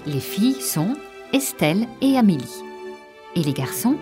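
A woman narrating a learner's storybook in a slow, clear, evenly articulated way. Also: medium pitch, over music. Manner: slow, even and carefully articulated. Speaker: audiobook narrator.

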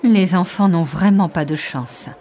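A woman's voice: on the low side, unhurried, dark tone, a little hiss or hum. A woman playing a worried, chatty mother. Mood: concerned.

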